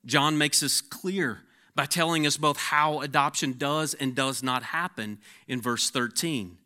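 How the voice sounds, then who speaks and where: A pastor preaches a sermon at a measured pace, his fairly high voice swinging between emphatic peaks and hushed, intense passages. He sometimes repeats words as he begins a phrase.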